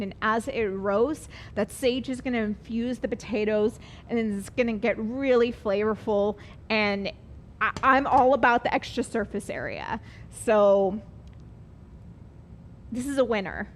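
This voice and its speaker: A woman's voice: on the high side, slight background noise. A woman teaching a live online cooking class, chatty and upbeat, explaining each step as she works.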